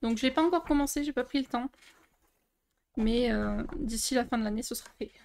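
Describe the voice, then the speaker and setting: A woman's voice: on the high side, brisk, vocal fry, a little mellow, a little hiss or hum. A young woman, chatting casually in a vlog as she shows her coloring books, with many fillers and restarts. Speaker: coloring book youtuber. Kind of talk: casual show-and-tell vlog.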